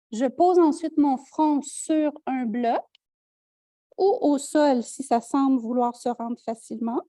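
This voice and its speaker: A woman with a Quebec French accent, teaching a yoga class with calm step-by-step cues and light joking asides. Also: high-pitched, no echo, studio quality. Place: yoga studio.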